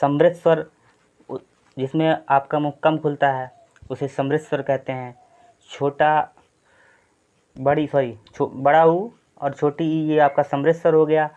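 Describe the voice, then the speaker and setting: Man teaching Hindi grammar, slightly raised pitch. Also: flat delivery, measured pace, long pauses, darkish tone, smooth. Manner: explanatory, repetitive, frequent "thik hai" check-ins. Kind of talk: exam-prep Hindi grammar lesson. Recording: slightly dull lo-fi sound.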